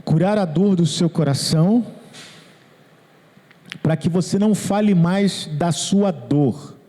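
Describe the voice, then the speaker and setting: A man's voice: high-pitched, slow pace, warm tone. A man, preaching a sermon as pastor, earnest and repeating his phrases, quoting people in their own words. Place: church hall. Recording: long hall reverb.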